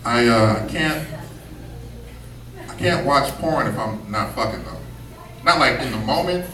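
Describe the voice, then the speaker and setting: A man's voice: medium pitch, animated, measured pace, a crowd in the background. A man doing a stand-up set in a comedy club, telling stories in a laid-back, conversational way with slangy asides. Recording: echoey club from a distance, noisy room. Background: audience laughter.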